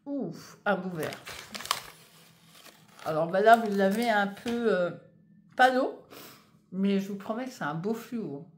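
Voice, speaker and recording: A woman's voice: mid-range voice, takes it slowly, long pauses, slight background noise. A woman chatting casually in a knitting vlog, hesitant with many fillers, filming in her home conservatory. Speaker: knitting vlogger. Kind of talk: casual vlog chat, unboxing yarn.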